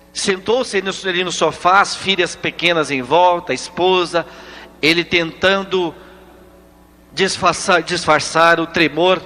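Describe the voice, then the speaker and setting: A man with a high, bright voice preaches a sermon at an unhurried pace. He tells his story dramatically and swells into fervent appeals. His voice rings in a long reverb, with faint music underneath.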